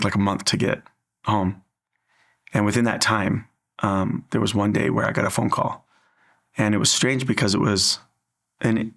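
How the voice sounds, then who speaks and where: A man's voice: lowish voice, gravelly, a bit bright. A man sharing an earnest personal faith story in an interview, acting out the dialogue as he tells it.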